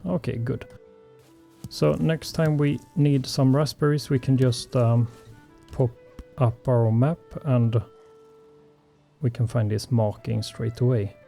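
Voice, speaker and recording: His mid-range voice is creaky and mellow, with fairly even intonation, and faint music sits in the background. He's a gaming channel host and native Swedish speaker narrating survival gameplay slowly and with frequent hesitations and fillers.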